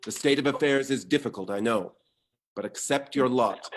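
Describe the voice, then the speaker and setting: A man's voice: medium pitch, moderate pace, natural voice. A man as a cold Greek commander. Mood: cold businesslike. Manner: curt, matter-of-fact. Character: cool calculating Greek commander. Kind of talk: stage play reading.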